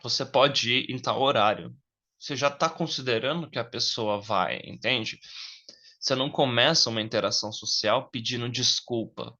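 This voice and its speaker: A man's voice: medium pitch, bright, forceful tone, dull audio. A man with a Brazilian Portuguese accent, a social skills coach giving a direct, confident talk to the camera. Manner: direct and confident, addresses viewers as "gente". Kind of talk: casual instructive monologue to camera.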